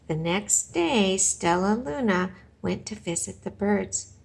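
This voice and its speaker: A woman's voice: medium pitch, animated, takes it slowly, creaky, roomy sound, distant mic, slight background noise. A woman reading a children's story aloud and putting simple questions directly to young listeners. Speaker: teacher reading a picture book aloud to children.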